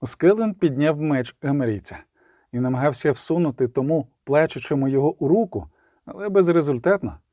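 Male fantasy narrator with a warm, fairly high voice and a dramatic, measured read. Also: expressive, no room sound, studio quality. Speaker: audiobook narrator.

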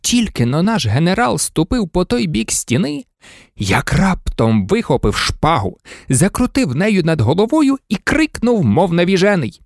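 A narrator reading a children's storybook aloud with an expressive delivery. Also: medium pitch, a little slow, vocal fry, no echo, studio quality. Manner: expressive, animated. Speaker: audiobook narrator.

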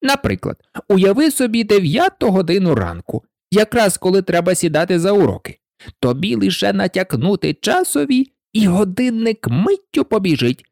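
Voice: medium pitch, normal speed, vocal fry, dry recording, voice pushed up. An eccentric, mournful hatter from a storybook, played by a reader who raises the voice noticeably. His speech swings widely up and down and keeps stumbling over hesitations as he rambles on. The reading is close and dry. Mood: rambling. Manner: rambling and excitable, with frequent hesitations.

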